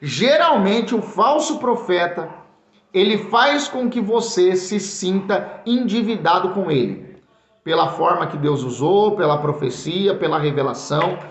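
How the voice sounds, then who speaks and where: A man's voice: high-pitched, animated, measured pace. A man with a São Paulo Brazilian accent preaching earnestly, repeating his words and stumbling over fillers as he calls the listener brother. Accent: Brazilian Portuguese, São Paulo. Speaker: pastor, Bible teacher. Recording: echoey room, dull lo-fi sound.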